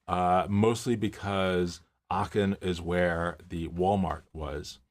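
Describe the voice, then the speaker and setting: Hosting a casual livestream from his home office, a Miami-born man in his fifties works through viewer comments, rambling into stories and using lots of fillers. His voice sits low, with a steady tone and slow pace.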